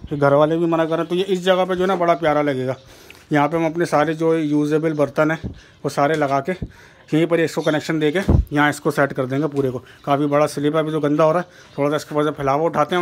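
A man narrating his chores on a rooftop to viewers in a chatty, friendly way while he works, filmed on a handheld phone. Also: on the high side. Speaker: bird keeper vlogger. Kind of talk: casual vlog narration. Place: rooftop kitchen and bird pens, outdoors. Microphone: handheld phone camera. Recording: noisy rooftop phone recording.

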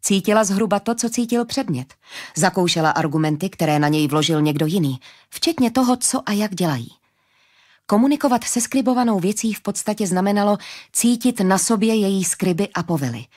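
A woman narrating a fantasy audiobook in a steady, even storytelling manner. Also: medium pitch.

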